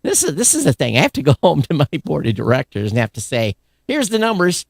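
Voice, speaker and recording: A man's voice: on the high side, wildly swooping pitch, quick pace, gravelly, no room sound, clean studio sound. A man co-hosting a live podcast, rambling and grumbling like an old curmudgeon while he chats and reads out listener comments. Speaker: podcast co-host.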